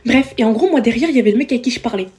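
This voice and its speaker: A young woman rattles through a storytime vlog at high speed, her slangy, chatty delivery aimed straight at the viewers. Her voice sits a little high but has a mellow, dark tone. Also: animated, rapid-fire. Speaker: vlogger.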